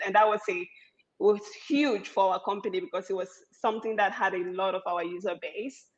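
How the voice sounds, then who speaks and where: Startup founder from Cameroon, a woman, talking on a panel, slightly dull audio, mid pitch. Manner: conversational, many um fillers. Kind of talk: panel discussion.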